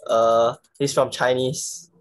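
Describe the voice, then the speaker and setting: A woman's voice: extremely low pitch, little pitch movement, slow pace. A woman helps host a game. She speaks casually over an online video call. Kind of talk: casual chat co-hosting a game.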